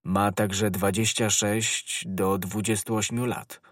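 A man voicing a hot-headed young swordsman who speaks solemnly and urgently, often hushed, in a storybook reading. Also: fairly low pitch, level tone, slow, no echo, clean studio sound.

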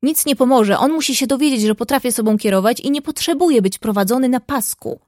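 A woman reading the part of a proud, hot-tempered young gentleman who speaks stubbornly and with indignation. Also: a little high, fast talker, dry recording, studio quality, voice pushed up, natural voice. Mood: indignant.

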